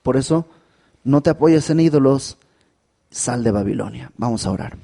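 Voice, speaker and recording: A man with a Mexican Spanish accent preaching a verse-by-verse Bible sermon, animated and often turning to the listener with questions. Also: normal speed, gravelly. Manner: animated, with dramatic pitch swings and asides to the listener. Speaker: pastor.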